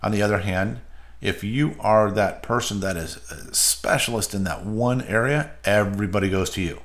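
A man hosting his own podcast, telling his career story in a lively way, with many fillers and restarts, and acting out his own indignant replies. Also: on the low side, moderate pace. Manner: frequent fillers, restarts and shifts of pace. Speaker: podcast host.

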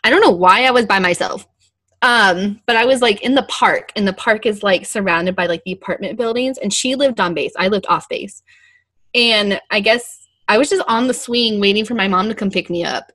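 A young woman chatting on a podcast, with a medium-pitched voice and a dry, close sound. She rambles through stories with plenty of fillers and laughs often. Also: moderate pace, fairly bright tone, dry recording. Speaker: podcast co-host. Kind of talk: casual chat.

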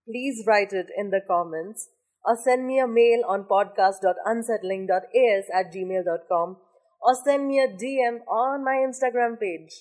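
A woman with a North Indian accent, hosting a podcast in a casual conversational interview style. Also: mid-range voice. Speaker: podcast host.

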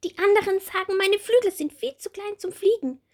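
A woman's voice: brisk, darkish tone. A woman voicing a little bumblebee girl who is timid and full of wondering questions, in a storybook. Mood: wondering eager. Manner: high, eager, questioning.

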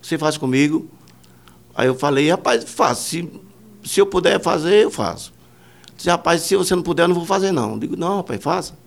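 A man's voice: a little high, lively intonation, fairly quick, gravelly. A man, a musician and producer, telling rambling anecdotes in a casual interview, full of fillers and quoted dialogue.

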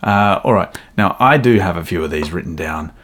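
A man co-hosting a podcast, chatting excitedly about favourite film moments and laughing often. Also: low-pitched, brisk. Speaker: podcast co-host. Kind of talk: casual film review chat.

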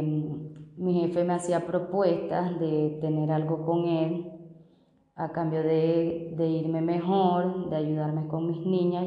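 A woman in her thirties from Venezuela, telling her story hesitantly, with halting phrases and many fillers. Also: lowish voice, roomy sound, long reverb tail, lo-fi sound. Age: 30s. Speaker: street vendor giving testimony. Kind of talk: personal testimony.

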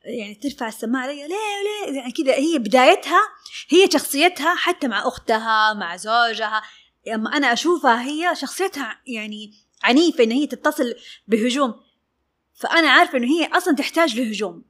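A woman, a fashion designer giving a lively interview and acting out her clients' words. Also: sits high, fast. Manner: animated, acts out clients' words. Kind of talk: casual interview talk.

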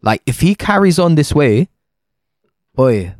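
A man's voice: a little high, sing-song, measured pace, darkish tone, no room sound, clean studio sound. A young man with a London roadman accent and slang, debating casually.

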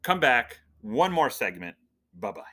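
In an unhurried, sing-song, mid-range voice, a man hosts a casual, humorous podcast monologue. He's an adult husband and father who works as a church minister and calls himself a nerd, and his talk is jokey throughout.

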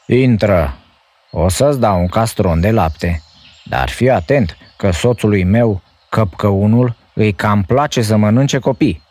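A man's voice: fairly low pitch, darkish tone, pitched above the performer's own voice, close to an everyday voice. A man voicing the giant's wife, a huge, stern woman who turns kindly, in a storybook reading. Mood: hushed warning. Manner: gruff then kindly warning.

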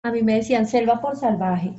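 A woman's voice: a little high, fairly quick, mellow. A woman telling her stories as a podcast guest, frankly and with animation, acting out the voices she quotes. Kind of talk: candid storytelling. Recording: dull lo-fi sound.

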